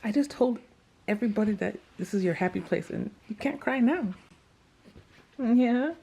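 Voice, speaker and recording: A young Nigerian American new mother chats casually to the camera in a family vlog, cooing to her baby in sing-song baby talk. Her voice is fairly high, gravelly and warm with a breathy edge, and she speaks at a moderate pace.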